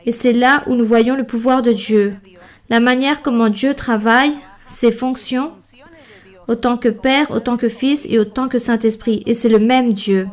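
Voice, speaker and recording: A woman giving a French voice-over of a Bible study and a church member's testimony, speaking in measured, earnest short phrases. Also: on the high side.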